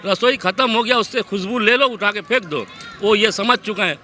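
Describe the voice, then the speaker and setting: A man's voice: sits high, normal speed, sharp tone, a little hiss or hum. A man answering a street interview who argues his point and explains it at length.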